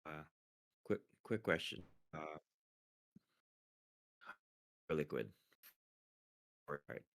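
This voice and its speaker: Deep gravelly guy on voice chat, audio choppy and breaking up, slow and halting. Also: animated, a bit bright. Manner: halting, hesitant, stop-start. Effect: choppy, breaking-up voice-chat connection. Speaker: caller in a group voice chat. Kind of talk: casual chat. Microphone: online voice chat.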